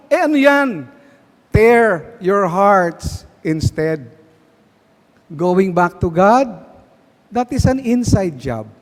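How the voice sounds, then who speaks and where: A man's voice: high-pitched, a little mellow. A man with a Filipino accent preaching a sermon at a prayer meeting, often asking his listeners questions. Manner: switches between Tagalog and English, asks the crowd questions. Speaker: guest preacher. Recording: long hall reverb.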